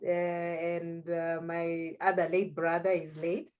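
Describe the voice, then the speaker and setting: Speaking slowly in a fairly low, a little mellow voice with little pitch movement, a woman with a Zimbabwean accent gives a conversational personal account as an interview guest. She is a native Shona speaker and a language school founder, and her phrasing is hesitant and repetitive. The recording sounds muffled.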